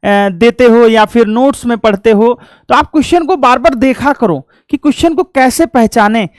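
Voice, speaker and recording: A man's voice: extremely high pitch, normal speed, dry recording. Man teaching a recorded class; chatty, teasing, motivational, breaks into song snatches; dry close sound. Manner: chatty, joking asides to students; coaxing, motivational. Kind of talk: recorded online lesson.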